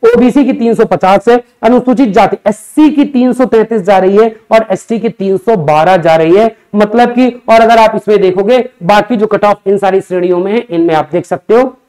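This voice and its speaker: Standing at a digital board in an indoor teaching studio, a young exam coaching teacher lectures conversationally and emphatically, regularly asking his own questions and answering them. His voice is high-pitched and mellow, at a moderate pace with hardly any pauses, in a low-quality recording.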